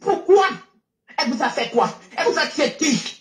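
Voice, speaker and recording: A woman's voice: high-pitched, lively intonation, fairly quick, reverberant. A tearful woman giving a repetitive, preachy rant on a live stream from her car. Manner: emotional, preachy, repeats herself. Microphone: phone while driving.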